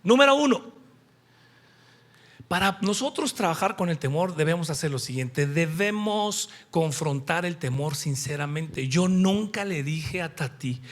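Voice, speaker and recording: A Mexican-accented male preacher delivers a sermon in church with a fairly high voice. He speaks emphatically and builds in force as he counts off his points. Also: moderate pace, few pauses. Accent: Mexican Spanish. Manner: emphatic, rising loud on numbered points.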